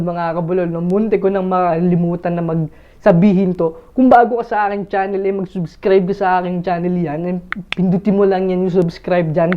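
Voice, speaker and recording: A man's voice: high voice, highs cut off. A man vlogging casually, rambling with lots of fillers and restarts while he talks straight to his viewers through an earphone mic. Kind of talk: casual chatty vlog.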